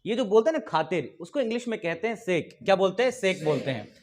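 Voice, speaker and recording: A man's voice: high-pitched, quick pace, a little hiss or hum. A man teaching a spoken English class, drilling phrases for the class to repeat and telling anecdotes. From India. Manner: animated, prompting the class to repeat lines aloud.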